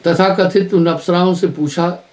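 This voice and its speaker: A man's voice: high voice, fairly even intonation, moderate pace, a little mellow. A man preaching at a live spiritual gathering, telling stories and driving points home by repeating words. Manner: storytelling with emphatic repetition. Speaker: spiritual teacher. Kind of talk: live satsang sermon.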